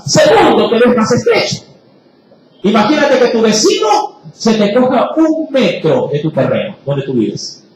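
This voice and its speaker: A male preacher giving an emphatic sermon, moving between loud emphasis and quiet low asides. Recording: very echoey room, faint noise.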